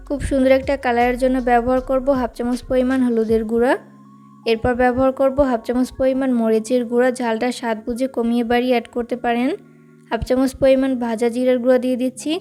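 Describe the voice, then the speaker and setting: A woman narrates a home recipe as a channel host in a steady, instructive voice-over. Her voice sits high and mellow, moving along briskly with little rise and fall. Faint music plays underneath. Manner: steady instructive step-by-step delivery.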